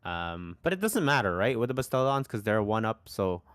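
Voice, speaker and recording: Low-voiced man calling a tabletop game. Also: brisk, no echo. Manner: relaxed, hesitant, many ums and restarts, laughs easily. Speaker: tournament commentator. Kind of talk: casual live game commentary.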